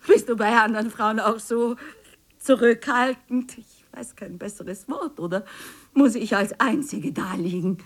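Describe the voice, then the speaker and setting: An actress playing a neglected, pleading wife. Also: female voice, a little high, natural voice. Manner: shifts between hushed whispers and tearful pleading. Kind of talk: radio play acting.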